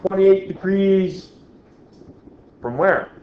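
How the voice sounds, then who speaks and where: A man's voice: sits high, drawn-out words. A male teacher giving a classroom lecture, joking with the class and often checking in with "right?". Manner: jokey, keeps checking in with "right?". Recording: echoey, dull lo-fi classroom recording.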